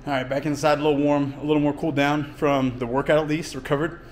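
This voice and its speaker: The background is noisy as a man, a fitness coach, chats through his workout for a vlog, pausing to catch his breath and explaining his training plainly with fillers. Filmed in a home gym and outdoors in winter, his slightly high voice is flat and quick.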